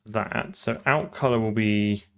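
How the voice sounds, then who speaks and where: A man's voice: fairly low pitch, unhurried, gravelly. A man live-streaming his programming, talking through code and answering chat, often trailing off and repeating words.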